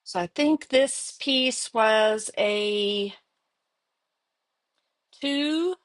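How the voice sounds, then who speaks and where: A Texan woman with a highish voice speaks very slowly while hosting a casual live card-making demo, chatting and thinking out loud as she crafts. There's no room sound in the recording.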